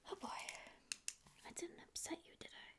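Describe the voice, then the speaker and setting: A woman at a moderate pace, sounding near her everyday voice, plays a grouchy ancient sleep paralysis demon with a secretly caring side. Her grumpy whisper is sarcastic and mock-rude, captured by a close ASMR mic in a small, dim room.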